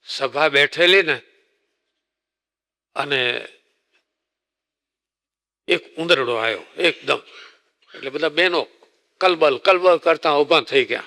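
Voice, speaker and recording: A swami tells a devotional tale, slipping into each character's lines. His voice is bright and forceful and sits a little high. A long hall reverb trails after every phrase. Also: takes it slowly, pauses often. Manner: animated storyteller acting out dialogue. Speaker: swami preacher. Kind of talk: sermon storytelling. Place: temple hall.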